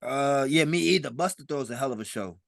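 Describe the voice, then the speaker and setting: A man's voice: medium pitch, fairly quick, vocal fry, a bit bright, no echo, studio quality. A man in his thirties co-hosting a podcast, chatting casually in loose, profane banter with frequent laughs. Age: 30s. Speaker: podcast co-host. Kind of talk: casual chat.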